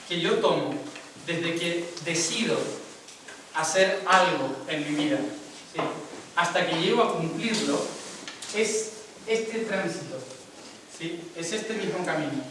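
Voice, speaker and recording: A young Argentine man gives a spiritual talk to a live audience, explaining step by step and frequently checking in with listeners. His voice sits high and is a bit bright. The room is very echoey, the mic is far off, and there's a little hiss or hum.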